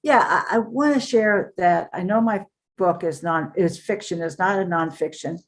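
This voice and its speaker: In a casual podcast interview, the guest is an older woman and author whose voice sits a little low. Her storytelling is earnest and meandering, with frequent pauses on fillers.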